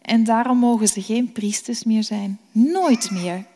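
A woman's voice: on the high side, unhurried, mellow. A woman voicing young boy Samuel, eager and earnest, in a storybook reading. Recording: long reverb.

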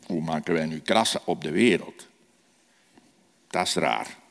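A man telling a children's sermon, animated and asking the children questions. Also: a bass voice, unhurried, creaky. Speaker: children's preacher. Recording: echoey hall reverb.

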